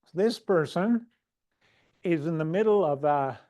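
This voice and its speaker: Brief: woman physician, informal teaching talk, lower voice, conversational with frequent "right?" checks. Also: animated, measured pace, mellow, dull audio. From Canada. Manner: chatty, keeps asking "right?", acts out patients' words. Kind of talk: informal lecture.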